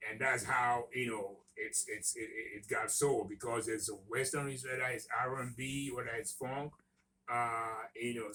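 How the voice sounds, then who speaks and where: A man's voice: on the low side, pushed and bright, recorded from a distance, a little hiss or hum, poor audio. A man in his sixties is speaking as a guest on a radio show. He talks unhurriedly and hesitantly, with a lot of fillers. His voice sits a little away from the microphone. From Nigeria. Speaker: guest author. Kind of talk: radio interview. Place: radio studio. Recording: voice a little off-mic.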